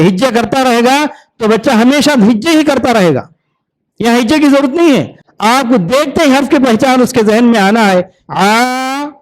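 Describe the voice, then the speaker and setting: A man teaching other teachers to read Arabic script, drawing out each syllable in slow repetition drills between plain explanations. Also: high voice, low-quality recording. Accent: Indian Urdu-Hindi speaker. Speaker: Arabic reading teacher training instructors. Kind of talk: classroom lesson.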